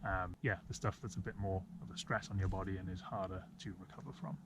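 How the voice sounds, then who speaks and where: A man in his thirties giving an informal, measured explainer to camera outdoors, stressing key words as he goes. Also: sits low, flat delivery. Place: outdoors on an open hillside. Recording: dull outdoor audio with noticeable ambient noise.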